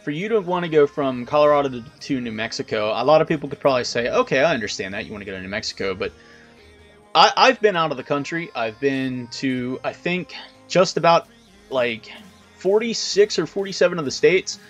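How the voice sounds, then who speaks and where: A man's voice: mid-range voice, expressive, fairly quick, a bit bright, soft background music. A man hosting a casual video interview, chatting informally and wordily with some swearing. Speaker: host of a video channel.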